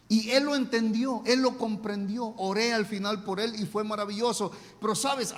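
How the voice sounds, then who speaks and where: Preacher man, high voice, echoing hall. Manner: storytelling, emphatic with dramatic pauses. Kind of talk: sermon.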